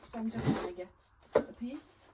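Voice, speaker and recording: Heavy background noise surrounds this crafting channel host from Sweden, a native Swedish speaker with a matching accent. She talks at a moderate pace in a fairly high voice, filling her casual tutorial with hesitant fillers while she crafts.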